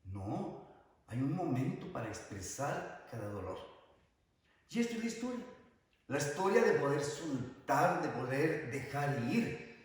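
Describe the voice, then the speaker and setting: A man's voice: fairly high pitch, very animated, measured pace. A man, a priest giving an earnest, emphatic sermon told through stories. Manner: earnest, emphatic storytelling preacher. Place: church. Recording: very echoey church hall, mic far off.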